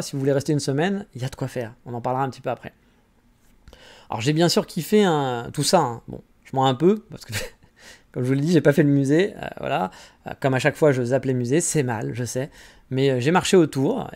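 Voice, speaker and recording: A man's voice: mid-range voice, a little mellow. A man hosting a podcast, chatting casually and rambling about travel, poking fun at himself. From France. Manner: chatty, rambling, self-mocking. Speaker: podcast host.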